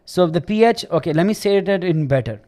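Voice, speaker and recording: A man's voice: high-pitched, animated, fairly quick, dark tone. Chatty man teaching chemistry live. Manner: chatty, repeats himself, checks understanding often. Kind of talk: live online lesson.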